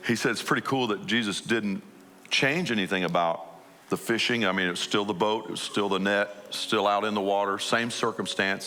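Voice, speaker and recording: A man's voice: fairly low pitch, pushed and bright. A man preaching a conversational sermon as a pastor, asking his listeners many questions.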